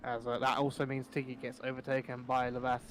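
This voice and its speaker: A man calling an online endurance race live, his pitch sitting in the middle range. He rambles and corrects himself mid-sentence as he follows the action. A faint hiss sits under his voice. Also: monotone, fast talker. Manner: rambling, self-correcting, chatty. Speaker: race commentator. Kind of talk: live sim racing commentary.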